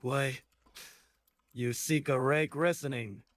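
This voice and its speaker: A man's voice: medium pitch, fairly even intonation, slow pace, close to an everyday voice. A text-to-speech man voicing a pompous chatbot. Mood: grandiose. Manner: ornate, archaic, lecturing speech. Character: pompous flowery male chatbot, grandiose and theatrical.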